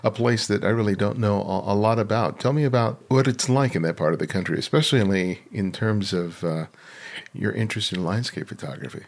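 An American man hosts a photography interview podcast from a home studio in Southern California, chatty and restarting as he asks questions. His voice is on the low side and a little fast.

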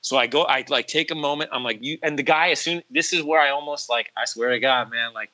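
A man's voice: medium pitch, quick pace, pushed and bright, low-quality recording. A man on a podcast, a musician, telling a rambling story with many fillers and restarts and acting out quotes in raised voices. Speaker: podcast guest, musician and voice actor. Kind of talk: casual storytelling chat.

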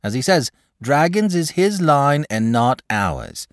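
A man's voice: a little high, sing-song, takes it slowly, no echo, clean studio sound, pitched above the performer's own voice. A man voicing a sensible, kindly country mother in a storybook, reasoning soothingly in homely rural dialect. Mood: gentle, sympathetic. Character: sensible, kindly rustic mother, shepherd's wife. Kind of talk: storybook character voice.

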